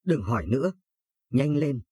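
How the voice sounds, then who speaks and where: A distraught woman of thirty-five in a storybook tale who speaks in hurried, urgent bursts, voiced by a male narrator. The tone is husky and dry. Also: medium pitch, sing-song, warm tone, no room sound. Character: anguished widowed mother of thirty-five.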